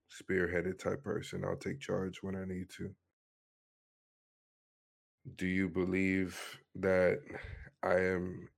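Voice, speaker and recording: A man's voice: low-pitched, creaky. A man in his twenties from Miami tells his personal story in an earnest, matter-of-fact way during a casual interview. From Miami, Florida, USA. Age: 20s.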